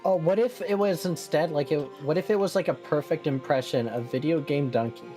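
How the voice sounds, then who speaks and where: A man's voice: fairly high pitch, a little fast, warm tone. A man joking in a mock-earnest way in casual group talk. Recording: faint music behind the voice. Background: faint music.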